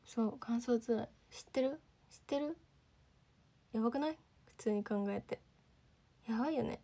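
A teenage girl chats on a livestream, her voice sitting a little high. She has a lilt, keeps thanking viewers, and often slips into hushed, near-whispered asides. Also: moderate pace. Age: teens. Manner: chatty, reads and thanks viewer comments, drops to near-whispers. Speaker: idol livestreamer. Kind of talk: casual livestream chat.

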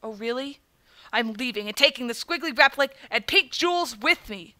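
A woman's voice: on the high side, lively intonation, normal speed, sharp tone, dry recording. A woman voicing a sneering male assassin villain from a block-building game, reading his lines in a cold, taunting way.

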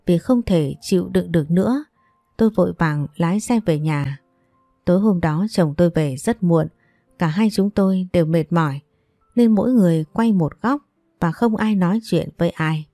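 A woman storyteller calmly narrating a scripted first-person story. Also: fairly low pitch, moderate pace, no room sound, studio quality. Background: faint background music.

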